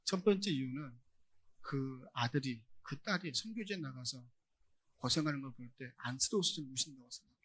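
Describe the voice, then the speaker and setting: A man preaching a sermon as pastor, often addressing the congregation and building to loud, emphatic rhetorical questions. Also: mid-range voice, expressive, a little fast, slightly rough, no echo.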